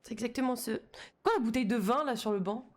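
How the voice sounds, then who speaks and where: A young woman talks loosely to her chat while she plays. She rambles with lots of slang and fillers, and her voice sits on the higher side. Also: quick pace. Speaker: streamer. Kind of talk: casual live-stream chat while gaming.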